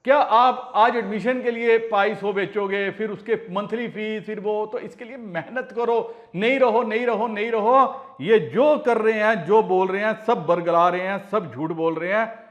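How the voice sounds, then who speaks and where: A man hosts a casual advice vlog in an earnest, pleading tone, repeating each warning several times as he talks straight to his viewers. His voice sits somewhat high for a man. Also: unhurried, highs cut off. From India. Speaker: crypto channel host.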